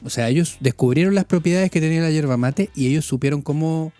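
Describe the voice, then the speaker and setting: A man's voice: on the high side, quick pace, warm tone, faint music behind. A man from northern Chile with a Chilean accent, hosting a podcast in casual conversation, chatty with many restarts. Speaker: podcast host. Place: living in France.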